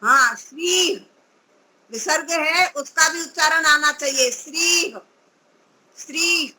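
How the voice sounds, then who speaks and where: A woman's voice: high voice, takes it slowly, sharp tone, poor audio. A woman teaching Sanskrit pronunciation, drawing out syllables and patiently correcting her student. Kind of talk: pronunciation lesson.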